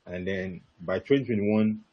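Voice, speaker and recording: A young man telling his story as a webinar guest speaker, animated and repetitive, bursting into laughter. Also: lowish voice, normal speed. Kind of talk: casual webinar talk. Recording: dull lo-fi webinar audio.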